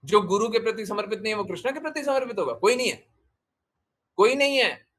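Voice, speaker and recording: A man's voice: high voice, expressive, fairly quick, a bit bright. A man, a spiritual teacher, giving a devotional talk and answering questions, emphatic, repeating phrases and asking rhetorical questions.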